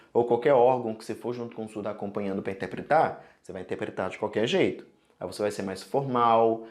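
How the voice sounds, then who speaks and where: A Brazilian-accented man teaching sign language in an online tutorial. His delivery is animated and explanatory, and he keeps checking in with the viewer as he walks through examples. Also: on the low side. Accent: Brazilian Portuguese.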